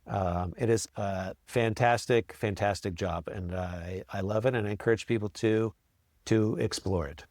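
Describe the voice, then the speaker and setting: A man's voice: fairly low pitch, normal speed, darkish tone, dry recording, studio quality. A man who works as a school librarian, answering interview questions in a friendly way, with ums and repeated words.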